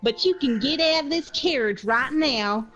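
A woman's voice: high-pitched, expressive, moderate pace, a bit bright, muffled recording. A woman streamer role-playing a picky customer in a game, speaking mock-stern and giggling as she struggles to stay in character.

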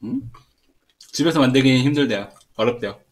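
A man's voice: medium pitch, lively intonation, a little fast. A man hosting a food show, chatting casually in short remarks between bites while chewing. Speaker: mukbang host. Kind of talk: casual chat while eating.

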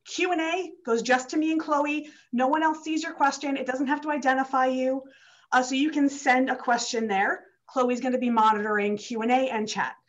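A young woman with a fairly high voice hosts a town hall on a video call, talking in a loose, chatty way full of fillers and restarts. She sounds slightly out of breath. The audio is dull and lo-fi, as from a laptop call in an office. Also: fairly even intonation, moderate pace. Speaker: state legislator hosting a virtual town hall. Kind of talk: casual opening remarks on a video call. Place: district office.

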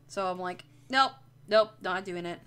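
A young woman streamer and artist talks casually during a drawing livestream, rambling and joking with lots of swearing. Her voice is lowish, smooth and fairly bright, and she keeps a measured pace.

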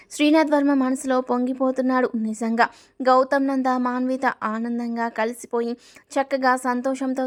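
A woman narrating a family story, reading every character's lines in her own voice. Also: high-pitched. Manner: reads all dialogue in her own narrating voice; breaks off to ask viewers for likes.

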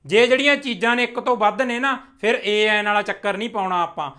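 This is a spoken English lesson delivered in Punjabi by a young male teacher from Punjab with a bright, high voice. He's patient, laying things out clearly step by step. To model example sentences, he slows way down and speaks deliberately.

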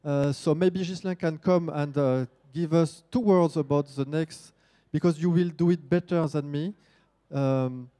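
A man's voice: on the high side, fairly even intonation, unhurried, dark tone, dry recording. A man with a French accent moderating a live talk, polite and often repeating words as he goes.

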